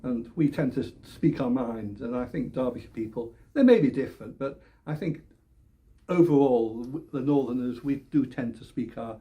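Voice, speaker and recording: Heard on a lo-fi recording, an older political candidate from northern England (Leeds-born, Oldham-raised) speaks in a mid-range voice. He responds to interview questions hesitantly, with repeated words and little laughs.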